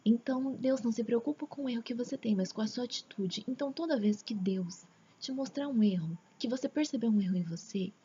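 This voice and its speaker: A woman with a Brazilian accent gives a casual, earnest religious testimony at home, often dropping into a hushed near-whisper. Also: a little high, fairly quick, breathy edge. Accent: Brazilian Portuguese. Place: at home, father talking in the background. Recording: dull lo-fi home recording with faint background noise.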